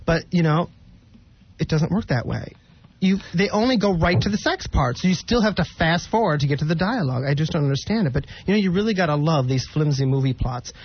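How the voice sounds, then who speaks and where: A man's voice: fairly high pitch, animated, brisk, slightly rough, muffled recording. A man with a chatty, campy manner doing a casual comic monologue as host.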